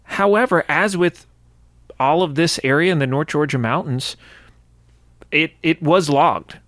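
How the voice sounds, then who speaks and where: A man hosting a radio interview, chatty and quick to cheer his guest on. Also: on the high side, a bit bright, dry recording, clean studio sound. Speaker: radio host.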